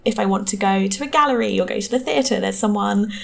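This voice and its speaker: A woman's voice: mid-range voice, fast, vocal fry. A young woman with an English Home Counties accent, chatting in a casual, hedging way in an interview. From Hertfordshire, England. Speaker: interview guest.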